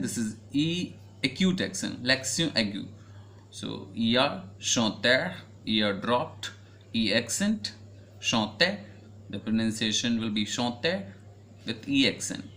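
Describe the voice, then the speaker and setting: A man's voice: mid-range voice, a bit bright. Indian-accented guy teaching french grammar, spells stuff out letter by letter, bit of faint noise behind. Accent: Indian English. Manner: spells out letters, repeats points patiently. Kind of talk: classroom grammar lesson.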